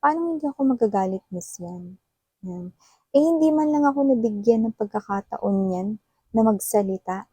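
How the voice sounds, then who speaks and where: A woman's voice: medium pitch, expressive, normal speed, mellow, slightly rough, dry recording. A woman voicing a bitter jilted client who vents aggrieved complaints at her tarot reader in Taglish.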